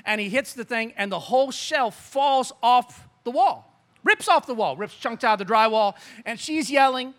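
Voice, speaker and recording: A man preaching a sermon, telling a story in an animated, rambling way with many restarts. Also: very high-pitched, normal speed. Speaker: pastor.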